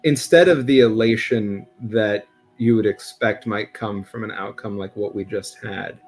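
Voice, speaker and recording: A man's voice: on the low side, a little slow, darkish tone, faint music behind. A man playing a tabletop role-playing game, narrating his character's actions in a casual way.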